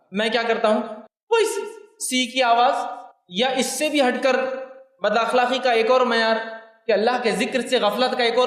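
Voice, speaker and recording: A man's voice: very high voice, a bit bright. A man giving a religious lecture to his listeners. He repeats his points for emphasis and speaks to them directly. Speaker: preacher. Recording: echoey hall, mic at a distance.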